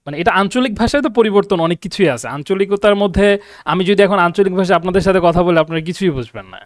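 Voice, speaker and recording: A young man teaching an online Arabic class, explaining slowly and often checking that students understand. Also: high-pitched, no room sound, studio quality. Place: lives and teaches from abroad.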